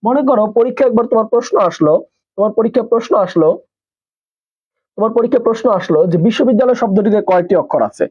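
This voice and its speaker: A man's voice: very high voice, lively intonation, quick pace, a little mellow, breathy edge, dull audio. A man teaching a live online exam-prep class, repeating key points and asking questions that he answers himself. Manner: repetitive, asks questions and answers them himself.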